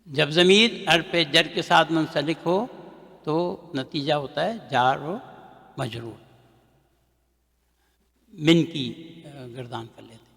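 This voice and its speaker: A man teaching Arabic grammar in a recorded lecture, explaining in a measured way and loudly chanting word lists in a steady rhythm. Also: on the high side, creaky, in a large hall. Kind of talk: recorded lecture with recitation drills.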